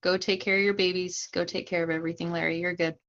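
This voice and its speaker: A woman's voice: on the low side, flat delivery, fast, a bit bright. Brief: young woman, casual streamer explaining rules, chats with viewers, dull lo-fi mic. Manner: chatty, talks to chat mid-explanation, laughs easily. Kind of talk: casual livestream instruction.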